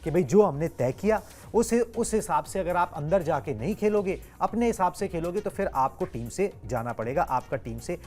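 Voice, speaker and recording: A man's voice: high voice, animated, normal speed, darkish tone. Host: male, cricket show, chatty explainer, faint music under. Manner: chatty, explanatory, with Hindi idioms and fillers. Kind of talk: cricket news discussion.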